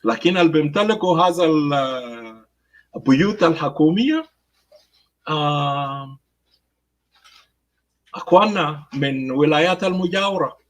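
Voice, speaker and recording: A man speaks with a South Sudanese Arabic accent in a somewhat high register. He delivers commentary haltingly, full of fillers and English asides. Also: expressive, low-quality recording. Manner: mixes Arabic with English phrases; hesitant, many fillers. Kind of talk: political commentary.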